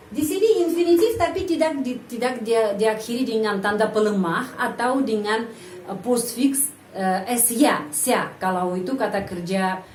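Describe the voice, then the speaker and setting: A woman's voice: a little high, a little mellow, slight background noise. A woman giving a language lesson, explaining patiently and repeating example phrases. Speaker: language teacher. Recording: echoey room, voice from off-mic.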